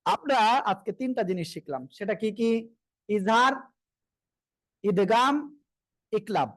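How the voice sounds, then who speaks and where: A fairly high-voiced man with a Bangladeshi Bengali accent leads a live online Quran reading class. He spells out letters slowly and patiently, asking his students to repeat after him. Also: dry recording. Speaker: Quran teacher.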